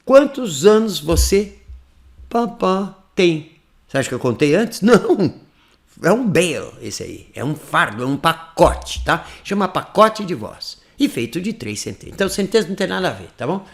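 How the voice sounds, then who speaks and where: A man's voice: a little high, big pitch swings, moderate pace, creaky, fairly bright tone. A Brazilian man teaching English in a live online class, explaining in Portuguese and whispering sample phrases.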